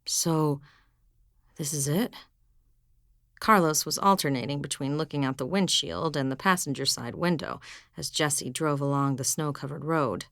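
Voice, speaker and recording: A woman narrating fiction in a measured, even manner. Her voice sits low with a gravelly fry. The recording is close and dry. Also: dry recording. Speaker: audiobook narrator. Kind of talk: scripted narration.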